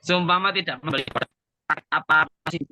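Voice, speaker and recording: A man asking a question on an online call, his slow, halting words cut up by a choppy, breaking-up connection. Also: fairly high pitch, sharp tone, slight background noise.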